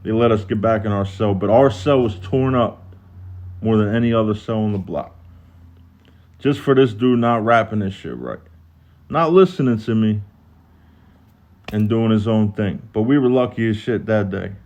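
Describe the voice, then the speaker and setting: A man with a Philadelphia accent telling a prison story on a live stream, casual and profane, acting out other people's lines in a higher voice. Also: moderate pace, pauses often, darkish tone.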